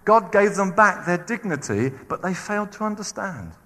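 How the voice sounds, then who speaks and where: A man's voice: sits high, moderate pace, in a large hall. A man preaching a sermon, acting out quoted voices as he goes. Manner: animated, acts out quoted voices.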